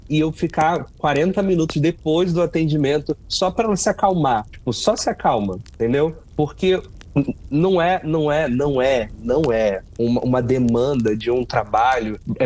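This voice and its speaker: A man from Rio de Janeiro with a Carioca accent, a tarot reader talking in a casual interview, telling stories with lots of fillers and restarts. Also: a little high. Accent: Carioca Brazilian Portuguese. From Brazil, Rio de Janeiro. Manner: animated storyteller, many fillers and restarts.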